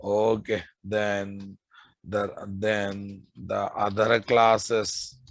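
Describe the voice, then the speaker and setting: A man's voice: fairly low pitch, completely flat delivery, drawn-out words, no room sound. A man with a Telugu Indian accent giving a live technical lecture as an instructor, repeating key phrases and checking in with his listeners. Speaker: programming instructor.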